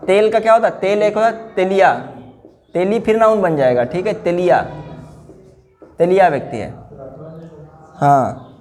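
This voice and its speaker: A man's voice: high-pitched, moderate pace, long pauses, darkish tone, soft background music. A man teaching a grammar class, repeating each word and putting questions to his students. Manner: drilling words, repeating answers, asking the class questions.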